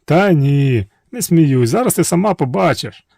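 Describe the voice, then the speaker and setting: A man voicing a brave young hunter hero who speaks calmly and firmly. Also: fairly high pitch, unhurried, gravelly, dry recording, clean studio sound, pitched above the performer's own voice, exaggerated voice.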